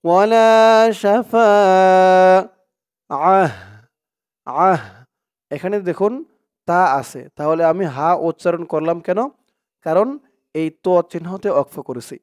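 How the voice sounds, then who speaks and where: A man teaching Quran reading, spelling out letters and vowel marks one by one, then chanting the Arabic words in a drawn-out, louder voice. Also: a little high, no room sound. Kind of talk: slow spelling-out recitation lesson.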